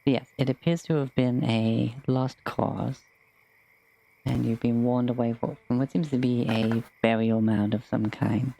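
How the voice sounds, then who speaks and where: A game master narrates a streamed tabletop game casually. The voice sits at a middle pitch with a creaky edge, and the delivery is hesitant and informal. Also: flat delivery, a little slow, dark tone, poor audio.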